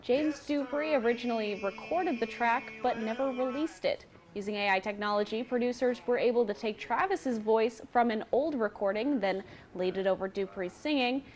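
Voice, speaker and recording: A woman's voice: a little high, normal speed. A woman co-anchor reading news items and laughing along with her partner. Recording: faint background noise.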